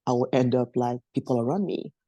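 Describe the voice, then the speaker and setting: A woman's voice: extremely low pitch, brisk, warm tone, dry recording. A woman from Congo, a guest on a podcast interview, telling her story in loose non-native English, laughing often and acting out the voices of people she quotes. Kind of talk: conversational interview.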